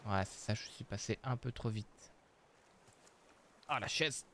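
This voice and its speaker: Slow, musing game streamer man. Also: fairly low pitch, a bit bright, a little hiss or hum. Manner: slow, musing, thinking aloud with many hesitations. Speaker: streamer playing a survival game. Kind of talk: casual live game commentary.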